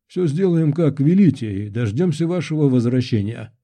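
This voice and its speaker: A devoted, humble servant, voiced by a male audiobook reader, deferential and earnest in every word. The voice is deep-toned and mellow, with a soft, dark warmth. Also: expressive, moderate pace. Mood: moved. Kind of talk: audiobook character voice.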